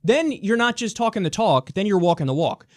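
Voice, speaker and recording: Man, political talk host, heated rant, high-pitched, emphatic, blunt, swears freely. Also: very animated, a little fast, a little mellow, no room sound, clean studio sound. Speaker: political commentary show host. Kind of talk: solo political commentary rant.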